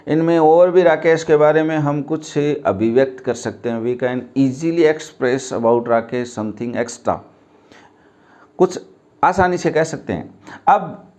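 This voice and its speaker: Slow, patient male teacher. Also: fairly high pitch, a little mellow. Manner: slow, explains step by step and asks questions. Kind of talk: grammar lesson at a board.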